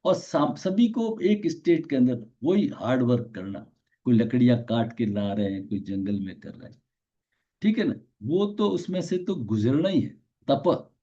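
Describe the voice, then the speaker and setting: A man's voice: mid-range voice, muffled recording. A man teaching a yoga lesson, often checking in with his listeners and mixing in English terms. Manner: slow, lively teaching with frequent "है ना?" checks; mixes English terms into Hindi.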